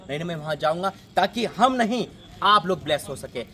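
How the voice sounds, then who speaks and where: Preacher guy outdoors at a building site, loud with no mic, declaring blessings, voice a bit high. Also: lively intonation, brisk. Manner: speaks loudly without a microphone. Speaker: pastor. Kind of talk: fundraising sermon.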